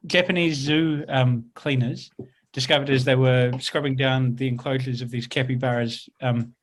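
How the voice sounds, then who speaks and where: A man on a comedy panel telling a funny fact in a laid-back, hesitant way with frequent ums. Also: medium pitch.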